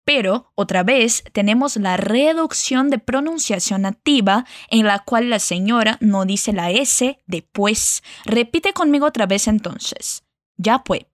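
A woman leads a language lesson, speaking slowly and carefully as she models each phrase. Her voice sits a little high. The sound is dry and close. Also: animated, no room sound. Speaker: Spanish teacher.

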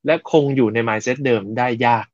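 A man's voice: medium pitch, fairly even intonation, normal speed, no echo, muffled recording. Story-telling male coach, dry close sound. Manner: explains with stories, repeats phrases for emphasis. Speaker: agile coach. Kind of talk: casual podcast chat.

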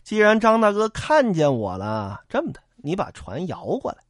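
A man doing a smooth-talking bandit leader. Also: high voice, wildly swooping pitch, moderate pace, no room sound, clean studio sound. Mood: coaxing. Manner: wheedling then threatening.

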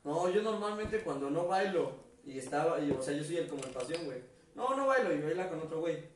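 A man's voice: on the high side, animated, brisk, distant mic. A man with a Mexican accent, playful and slangy, hosting a casual chat. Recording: roomy, off-mic, faint noise.

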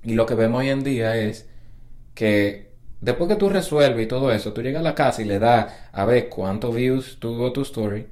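A man's voice: medium pitch, moderate pace, a little mellow. A man hosting a casual solo podcast, rambling and often restarting and correcting himself. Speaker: podcast host.

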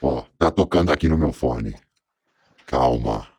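A man's voice: unhurried, darkish tone, no room sound, studio quality. A man speaking through a voice changer, a joking, laid-back podcast guest chatting casually. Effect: voice changer, distorted very deep and gravelly. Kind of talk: casual chat.

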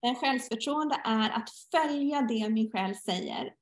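Middle-aged woman chatting on a podcast, kinda high voice, roomy echo, acts out her own inner voices. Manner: storytelling, acts out inner dialogue. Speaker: guest teacher. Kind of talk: casual podcast conversation.

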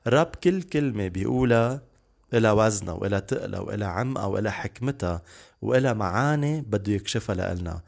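A man's voice: medium pitch, gravelly. A man teaching the Bible on a podcast, earnest and repeating key words for emphasis. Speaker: preacher.

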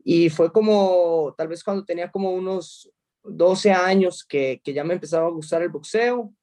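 A high-pitched man from Costa Rica, in his thirties, talks about his life as a fighter. He answers in a halting way, restarting his sentences and filling gaps with small sounds. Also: mellow. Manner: hesitant, many restarts and fillers. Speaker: mixed martial arts fighter. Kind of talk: interview answers.

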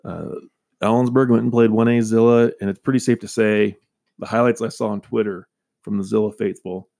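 A man's voice: lowish voice, fairly even intonation, fairly quick, creaky, dark tone. A man hosting a local sports radio show, reading scores and joking with his co-hosts in a casual, upbeat way.

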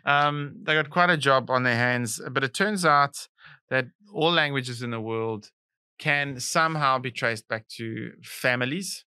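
Sharp-toned playful man. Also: medium pitch, unhurried, smooth, dry recording, clean studio sound. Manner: playful, rambling, punning. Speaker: podcast co-host. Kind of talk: casual comedic chat.

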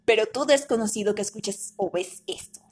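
A woman delivering a comedic rant monologue, swinging between hushed asides and mock screams. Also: medium pitch, normal speed, husky. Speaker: vlogger.

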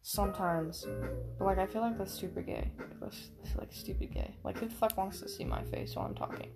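A woman's voice: medium pitch, a little fast, over music. A young woman hosting a podcast, telling a story in a rambling, casual way with lots of swearing and fillers. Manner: rambling, profane, filler-heavy. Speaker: podcast host.

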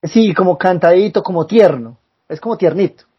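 A man's voice: sits high, a little fast, husky, lo-fi sound. A man co-hosting a podcast, chatting casually and laughing often. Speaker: podcast co-host. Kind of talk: casual chat.

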